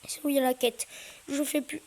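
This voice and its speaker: A woman chatting through her gameplay, with lots of hesitant fillers and sudden excited yelps. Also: high-pitched, fast talker, low-quality recording. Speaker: gaming YouTuber. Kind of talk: casual gameplay commentary.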